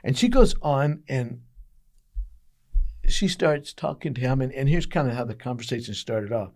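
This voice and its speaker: A man as a pastor giving a daily devotional message, telling a story earnestly with emphatic pauses. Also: mid-range voice, expressive, darkish tone.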